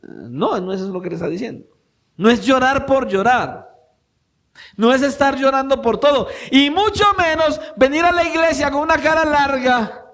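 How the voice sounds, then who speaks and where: A man with a notably high voice preaches to his congregation in church. He presses his points with rising emphasis, then drops into soft, intimate asides, and keeps turning rhetorical questions on his listeners. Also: animated, normal speed. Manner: swings between raised emphatic preaching and quiet intimate asides. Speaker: pastor. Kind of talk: sermon.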